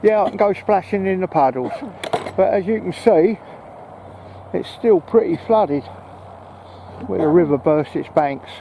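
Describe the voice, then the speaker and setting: This man's voice is high-pitched, animated, creaky and warm. He talks at a measured pace with long pauses. He's a vlogger chatting casually and a bit hesitantly to the camera while walking in a park, and wind noise fills the outdoor recording.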